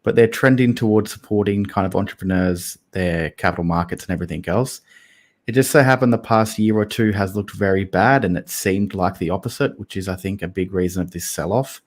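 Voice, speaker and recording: A man with a low, deep voice co-hosts a casual investing podcast. He talks things through slowly and carefully, softening his points with small hedges. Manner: thoughtful, hedging with "I guess" and "kind of". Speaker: podcast co-host.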